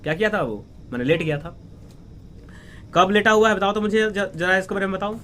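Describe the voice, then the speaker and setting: A man's voice: high-pitched, fairly bright tone, a little hiss or hum. A man, teaching a class story line by line and asking his students questions. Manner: explains slowly, asks questions and answers them himself. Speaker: English teacher. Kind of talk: line-by-line lesson explanation.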